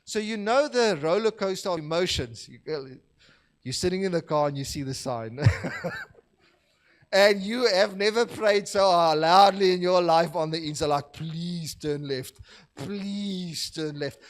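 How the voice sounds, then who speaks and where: A man's voice: high voice, moderate pace. A man, a pastor giving a sermon in a conversational, storytelling way and asking for the next slide. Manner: conversational storytelling, laughing at his own anecdotes; asks the slide operator for the next verse.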